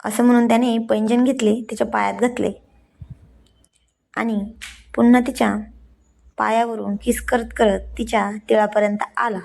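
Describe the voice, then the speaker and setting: Woman storyteller, fairly high voice. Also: little pitch movement, moderate pace, gravelly, pauses often, darkish tone. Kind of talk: read-aloud story narration.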